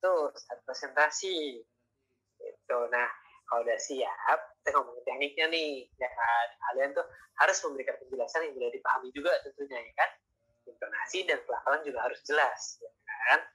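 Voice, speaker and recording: A man's voice: medium pitch, fairly quick, sharp tone, breathy edge. A man giving a casual online sales lecture over a video call, chatty and constantly adding tag questions. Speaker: sales trainer. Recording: tinny video-call audio.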